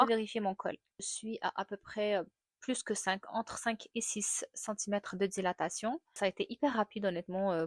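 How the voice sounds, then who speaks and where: A woman's voice: mid-range voice, no room sound. Young woman, casual candid storyteller with lots of fillers, recorded close with a dry sound. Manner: candid, animated retelling with many fillers. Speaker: vlogger.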